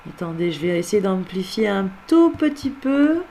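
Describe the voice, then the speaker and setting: Medium-pitched, gravelly yet mellow, this woman's voice is very animated and moves at a normal speed over slight background noise. As a medium in a recording session, she comments casually while playing back audio. She echoes the words she catches and addresses the spirit directly, in a musing way.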